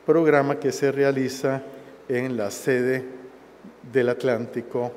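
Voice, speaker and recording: Slow, solemn man in his sixties. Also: mid-range voice, flat delivery, a little mellow, a little hiss or hum. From Costa Rica. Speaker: speaker at a university forum. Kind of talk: formal public speech. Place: large university auditorium, indoors. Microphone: headset mic. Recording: long auditorium reverb.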